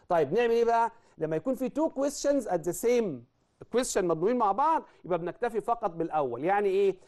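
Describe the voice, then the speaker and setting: High-voiced Egyptian teacher drilling grammar. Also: male voice, warm tone. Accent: Egyptian Arabic. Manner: asks himself questions and answers them, spells out example words slowly. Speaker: English teacher. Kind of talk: recorded classroom grammar lesson.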